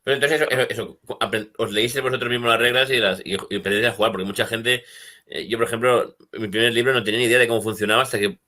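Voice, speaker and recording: A man interviewing a guest, asking halting questions and restarting them. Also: mid-range voice, steady tone, pushed and bright.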